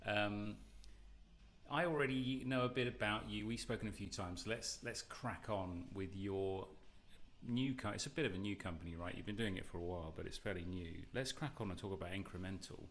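A man's voice: on the low side, brisk, a bit bright, a little hiss or hum. A man hosting a podcast, welcoming his guest in an upbeat, easygoing way. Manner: upbeat, laughs easily. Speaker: podcast host. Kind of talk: casual interview talk.

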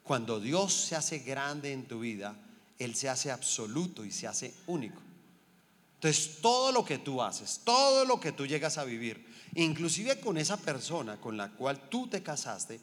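A man's voice: mid-range voice, sing-song, measured pace, fairly bright tone, big-room sound. A man preaching a sermon in a conversational way, often checking whether his listeners follow him.

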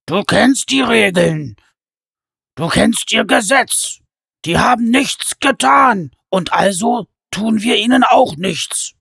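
A man playing a gravelly, stern giant. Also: high-pitched, animated, takes it slowly, a bit bright, no echo, clean studio sound, voice pushed up, full character voice. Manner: lecturing, scolding. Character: stern gravelly male giant, bossy older brother.

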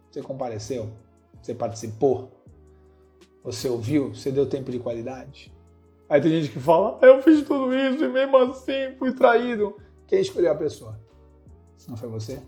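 A man's voice: a little high, mellow. A Brazilian man hosting a podcast lesson, talking in a slangy way and firing off punchy rhetorical questions. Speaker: podcast host giving business advice.

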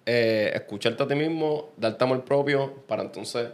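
A man hosting an interview podcast, chatting in a relaxed way and leading into breaks. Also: medium pitch. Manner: relaxed, chatty, quick affirmations. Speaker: podcast host. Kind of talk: casual interview chat.

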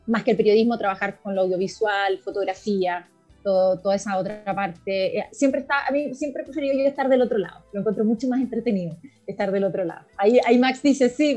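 A woman's voice: medium pitch, mellow. Middle-aged woman interview guest, chatty storyteller, faint music bed. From Argentina. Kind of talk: casual interview talk.

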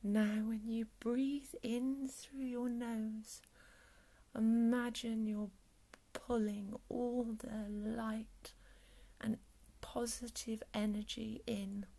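A woman with a soft, calm whisper, guiding a breathing meditation in a soothing ASMR style. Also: a little high, very slow. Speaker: meditation guide.

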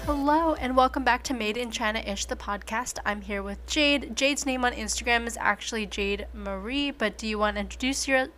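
Young woman host, fairly high voice, chatty and upbeat, faint music behind. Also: normal speed, hardly any pauses, fairly bright tone. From United States. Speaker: podcast host. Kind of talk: casual podcast interview.

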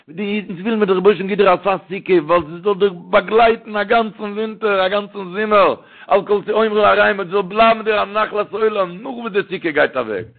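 Yiddish-accented guy preaching fast, slightly high voice, sounds like a tinny phone recording. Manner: rambling, repetitive, addresses the listener with "verstehst du".

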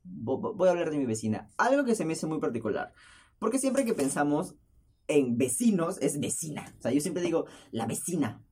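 A young man rambles through stories, mocking himself as he goes, his voice mellow and a little husky and swinging up and down a lot. He talks close to a camera in his bedroom. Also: fairly high pitch, brisk. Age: young adult. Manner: jokey, self-mocking, lively storytelling with laughs. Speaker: podcast host. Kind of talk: casual rambling monologue. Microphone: camera's built-in mic, close up.

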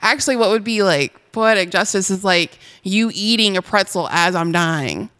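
A woman's voice: mid-range voice, normal speed, a bit bright. A woman co-hosting a podcast in casual chat, teasing her co-host and laughing often.

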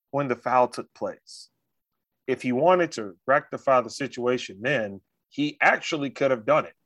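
This sports talk podcast host is an American man whose mid-range voice carries casual, lively storytelling full of slang. He keeps turning to the listener to check in, and the recording is dry.

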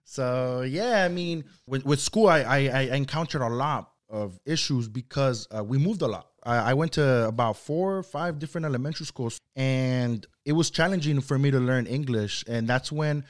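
Here a Spanish-speaking young man from Mexico talks at a moderate pace with few pauses in a mid-range voice. As a podcast guest in a relaxed interview, he rambles loosely and leans heavily on "you know" and "like."

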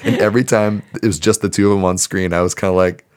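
A man's voice: lowish voice, fairly even intonation, quick pace, darkish tone, clean tone. A man co-hosting a podcast, reviewing a movie in a laid-back, rambling way with lots of fillers. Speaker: podcast co-host. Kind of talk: casual movie review chat.

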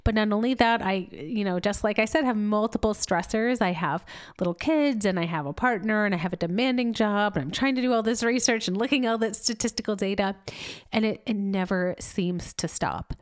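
A woman's voice: mid-range voice, a little fast, dry recording, studio quality. A middle-aged woman, a doctor, giving a chatty health talk while sounding congested and nasal, with asides and laughs. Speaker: doctor and health podcast host.

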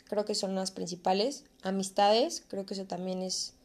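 A woman's voice: medium pitch, fairly even intonation, moderate pace, darkish tone. A young adult woman with a Mexican accent, talking in an earnest, encouraging, casual way in a reflective vlog monologue. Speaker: vlogger.

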